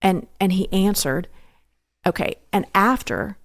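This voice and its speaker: A woman's voice: mid-range voice, animated, creaky, no echo. Woman guest on a faith podcast, earnest, lots of restarts and "you know"s, dry close mic. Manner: earnest, halting, with many restarts and fillers. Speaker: interview guest. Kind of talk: faith testimony in a podcast interview.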